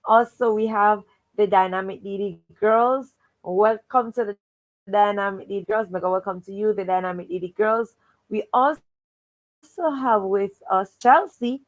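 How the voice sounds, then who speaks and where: On a children's read-aloud livestream, a woman welcomes viewers and recaps stories in a medium-pitched voice at a moderate pace. The recording is rough, and she comes across as encouraging, repeating stock welcome lines.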